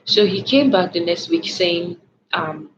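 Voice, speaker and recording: A woman's voice: on the low side, unhurried. A young woman talks to her livestream viewers, telling a story animatedly and often restarting her sentences. Her voice comes through slightly dull lo-fi audio with faint background hiss. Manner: animated retelling with many restarts and filler words. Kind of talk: casual late-night livestream storytime, reading chat.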